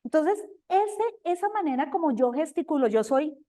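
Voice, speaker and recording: An older woman with a Colombian accent, sharing her experience expressively at a recovery group talk, sometimes speaking loudly. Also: high voice, moderate pace. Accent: Colombian Spanish. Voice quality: talks loudly at times. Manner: expressive, addresses listeners as companions.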